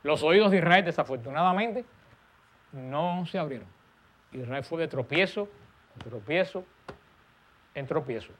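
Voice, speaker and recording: A man preaching a sermon, stressing key words and letting his voice fall soft and low at the ends of phrases. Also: animated, measured pace, pauses often.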